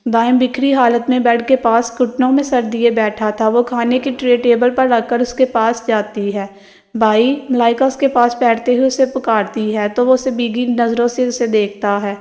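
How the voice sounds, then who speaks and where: A woman's voice: on the high side, little pitch movement, few pauses, darkish tone. A woman narrating a romance novel, reading the narration and all the characters' lines in one plain voice.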